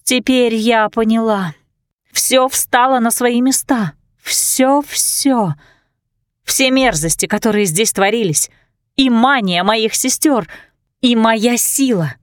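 A woman's voice: fairly high pitch, slow pace, no echo. A woman voicing a panicked young witch who speaks in a rush. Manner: panicked, breathless.

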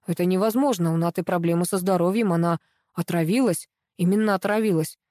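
A woman's voice: lowish voice, a little fast, dark tone, dry recording, clean studio sound, lightly acted. A woman reading a flustered young husband. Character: nervous, evasive young husband and car seller.

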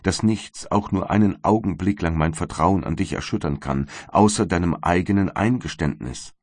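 A gentle young noblewoman in deep sorrow, read by a man. The voice stays very low, pleading softly in a dry, close recording. She belongs to a classic storybook reading. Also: normal speed, no echo.

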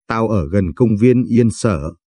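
Guarded young mother voiced by a man, short subdued lines, warm husky tone, audiobook. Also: lowish voice, expressive, takes it slowly, dry recording, exaggerated voice.

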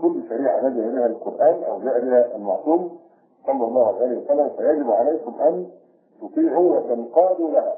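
A man giving a religious lecture as a sheikh teaching Quran commentary, measured and repeating key phrases to explain them. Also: mid-range voice, lively intonation. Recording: echoey room on a tinny lo-fi tape.

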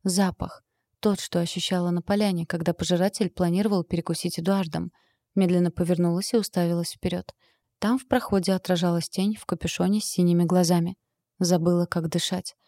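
A woman narrating a first-person audiobook in an even, steady reading. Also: fairly low pitch, fairly quick, no echo, studio quality.

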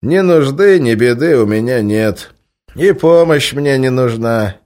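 A man voicing a calm, sarcastic male outlaw who keeps his composure. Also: mid-range voice, measured pace, pitched above the performer's own voice. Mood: firm. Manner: unruffled and sarcastic.

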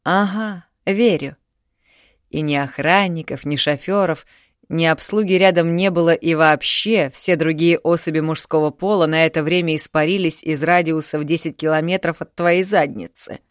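A woman's voice: low voice, steady tone, moderate pace, dry recording, studio quality, close to an everyday voice. Woman reading as a coarse, angry young man. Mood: angry, contemptuous. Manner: snapping, loud and curt. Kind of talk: audiobook character reading.

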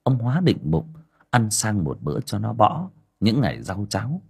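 A man narrating an audiobook in a dramatic, expressive way. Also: lowish voice, moderate pace, creaky, slightly rough. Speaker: storyteller.

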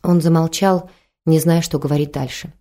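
A woman narrating a story in a calm, measured way. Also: low voice. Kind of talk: scripted audiobook narration.

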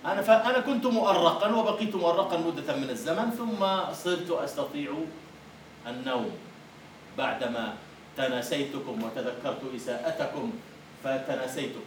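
Egyptian lecturer in an echoey hall. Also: male voice, fairly high pitch. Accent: Egyptian Arabic. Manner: explains words, then recites the verses slowly and emphatically. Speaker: university lecturer. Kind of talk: lecture on Arabic poetry and meter. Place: university lecture room. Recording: echoey room from a distant mic with faint noise.

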